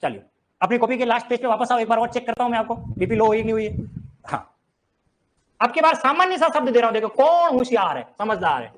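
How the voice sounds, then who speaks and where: A man's voice: very high-pitched, expressive, quick pace, a little hiss or hum. A man teaching a grammar lesson to exam students, firing rhetorical questions and drilling them on reading aloud. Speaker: Hindi teacher. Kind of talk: classroom lesson.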